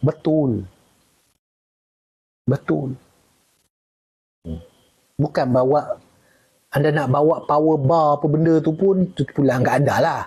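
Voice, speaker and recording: A man's voice: a little high, normal speed, darkish tone, husky. A middle-aged man with a Malaysian Malay accent, a retired army officer chatting casually on a live stream, answering viewer comments and joking.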